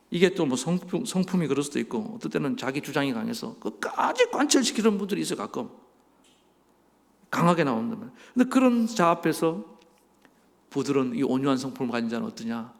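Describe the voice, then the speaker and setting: Middle-aged man, pastor, sermon, rhetorical questions, fry in the voice, reverberant sanctuary. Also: medium pitch. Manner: preaching with rhetorical questions to the congregation. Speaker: senior pastor. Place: church sanctuary. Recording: long reverb of a church hall.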